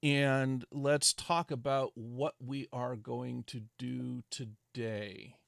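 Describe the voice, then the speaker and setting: Gravelly man chatting on a livestream. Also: mid-range voice, fairly even intonation, slow, dry recording, clean studio sound. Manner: rambling, self-correcting, chatty with frequent fillers. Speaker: livestream host teaching electronics design software. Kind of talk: casual livestream chat.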